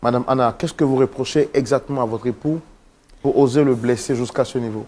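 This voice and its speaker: An actor playing a talk-show host who asks formal, measured questions of his guests. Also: medium pitch, steady tone, a little mellow, natural voice. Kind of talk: staged talk-show interview.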